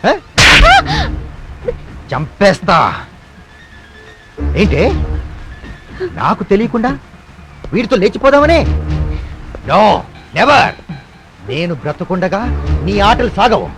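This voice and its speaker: An actor playing a jealous, suspicious husband who taunts sarcastically and shouts threats. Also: male voice, high-pitched, very animated, slow, pauses often, full character voice. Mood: furious. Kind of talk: dubbed film dialogue. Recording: film soundtrack with music behind.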